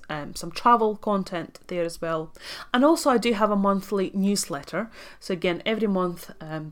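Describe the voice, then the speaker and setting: A podcast host and life coach from Latvia, in her thirties, speaks with a fairly low pitch. Russian is her native language, and her English carries a Latvian accent with a hint of Scottish. Hosting solo, she comes across earnest and chatty, saying um often.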